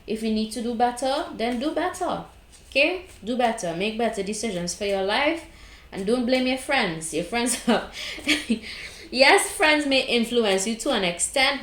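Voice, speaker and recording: A tarot card reader with a Trinidadian accent gives a casual spiritual advice monologue, speaking bluntly and often checking in with "okay?" and "right?" Her voice is mid-range, and the recording sounds roomy.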